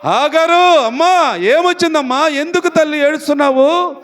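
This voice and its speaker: A man preaching in a high voice, acting out a gentle angel who comforts a weeping mother with tender, coaxing words. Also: lively intonation, moderate pace. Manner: tender, coaxing, repeats endearments.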